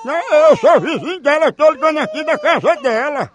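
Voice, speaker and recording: A man's voice: extremely high pitch, expressive, brisk. A man making a prank phone call, playfully feigning worry and insisting. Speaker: prank call radio host.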